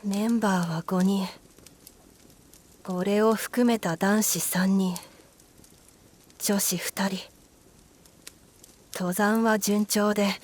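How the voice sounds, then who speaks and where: A woman narrating a scripted ghost story in a hushed, eerie manner, with deliberate pauses. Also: mid-range voice.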